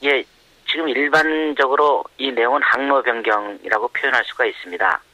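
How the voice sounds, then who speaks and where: Voice-disguised man, sharp altered tone. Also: no room sound, muffled recording. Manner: measured, with frequent hesitant "uh" fillers. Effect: voice disguised by pitch altering. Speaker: anonymous expert interviewee. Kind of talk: explanatory interview answers.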